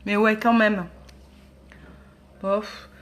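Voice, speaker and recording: A woman's voice: mid-range voice, little pitch movement, extremely slow. A woman, chatting casually as a beauty vlogger demonstrating makeup, with many hesitations. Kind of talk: casual product demo.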